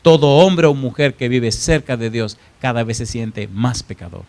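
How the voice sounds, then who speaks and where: In a church sermon, a man tells a story with dramatic shifts from loud to hushed delivery, putting questions to the congregation. He has a medium-pitched voice and talks at a normal speed.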